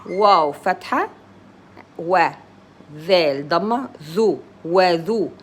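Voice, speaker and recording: Slow woman teaching recitation. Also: on the low side, animated, slightly rough. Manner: sounds out each Arabic letter and vowel mark, then explains in simple English. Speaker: Quran reading teacher. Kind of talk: slow letter-by-letter recitation lesson.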